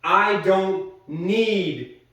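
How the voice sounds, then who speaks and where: In a heated domestic argument indoors at a house, a man with a fairly high voice speaks extremely slowly, angry and swearing, swinging between yelling and low muttering. He is captured from across a very echoey room, far from the mic.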